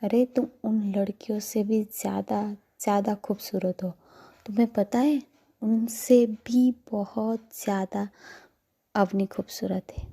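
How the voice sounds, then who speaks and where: A woman voicing a caring young woman who softly coaxes and comforts a crying friend, half-whispering. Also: on the high side, a little slow, husky. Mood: tender.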